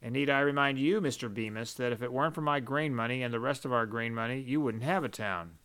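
A man doing a loud, blunt, impatient farmer. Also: mid-range voice, fast talker, smooth, close to an everyday voice. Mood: scornful.

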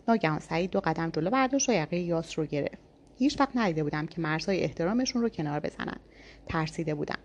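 In lo-fi sound, a woman with a fairly low voice narrates a first-person audiobook. She reads calmly and evenly, holding a steady tone throughout the story.

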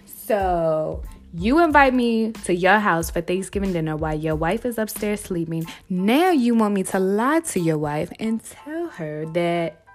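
A young woman casually telling a wild story to her listeners, animated and swearing freely, calling them y'all. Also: mid-range voice, a little slow, soft background music.

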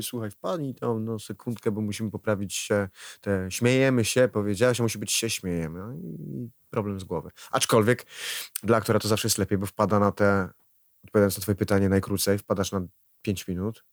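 A man with a fairly low voice chats casually as an interview guest about his voice work. He rambles, restarts, and acts out quoted lines. The sound is dry and close, with no room behind it. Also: no room sound. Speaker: voice actor guest.

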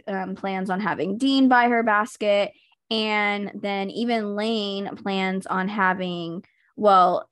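A woman's voice: medium pitch, no room sound, clean studio sound. A woman hosting a podcast, recapping TV episodes in a chatty, rambling way, full of ums and likes. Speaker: podcast host.

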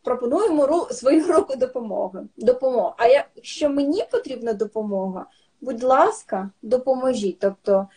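A woman's voice: a little high, normal speed, dark tone, husky. A Ukrainian woman patiently teaching signs in a casual podcast chat, with many fillers and restarts. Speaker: sign language teacher, guest.

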